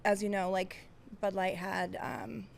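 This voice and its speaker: Animated woman telling bar stories. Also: mid-range voice, a little slow, vocal fry, a little hiss or hum. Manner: animated storyteller, swears and laughs. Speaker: bartender. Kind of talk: casual chat, storytelling.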